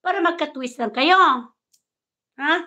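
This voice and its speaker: A woman's voice: sits high, unhurried, bright, forceful tone. A woman from the Philippines vlogging in a confrontational rant, taunting and swearing, switching between languages. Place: living in the United States.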